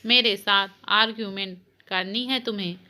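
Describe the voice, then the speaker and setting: A woman's voice: medium pitch, steady tone, moderate pace, sharp tone. Woman voicing a stern, scolding young husband. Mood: angry. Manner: scolding, gruff.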